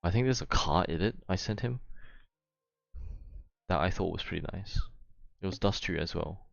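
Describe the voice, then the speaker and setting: A man's voice: deep voice, moderate pace, gravelly, no room sound, dull audio. A young man casually explaining himself in a rambling, slangy way, with some swearing and frequent check-in tags. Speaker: gamer, vlogger. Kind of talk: casual explanation to camera of a dispute with friends.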